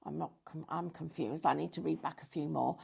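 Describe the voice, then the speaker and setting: A woman's voice: low-pitched, fairly even intonation, brisk, gravelly, a little mellow, breathy edge. A woman presenting a live craft shopping show, selling with chatty, jokey enthusiasm.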